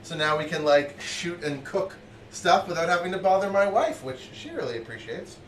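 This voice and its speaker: A high-voiced man hosts a live cooking stream from his basement kitchen, joking around and reading out viewers' messages in an excitable, casual way. He sits a little back from the mic, so his voice sounds slightly distant, and the room adds a noticeable echo. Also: normal speed, a little hiss or hum. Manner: excitable and jokey, reads out chat messages.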